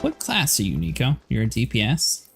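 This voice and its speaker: A man's voice: medium pitch, huge pitch swings, normal speed, vocal fry, over music. A man hosting a livestream, chatting casually about a game, laughing often and filling his talk with "like". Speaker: livestream host. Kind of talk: casual gaming chat.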